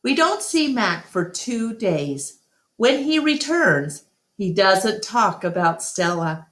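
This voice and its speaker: A woman with a medium-pitched voice narrates a children's novel as storyteller. Her scripted reading is deliberate and expressive.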